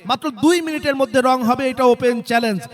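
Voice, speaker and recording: A man with a strikingly high-pitched voice and a Bangladeshi accent works through a hard-sell advertisement. He announces like a street promoter, repeating the offer insistently and pressing listeners to buy. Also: fast. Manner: insistent, repetitive sales pitch urging listeners to hurry. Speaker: sales announcer for a promotional vehicle.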